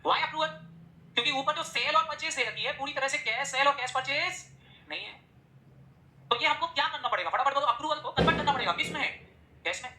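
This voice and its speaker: Male teacher, lecture mode, quick-fire quizzing of the class; fast and bright delivery, roomy echoey recording. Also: very high voice, a little hiss or hum. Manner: drills the class with rapid-fire questions. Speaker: accounting teacher. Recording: echoey room.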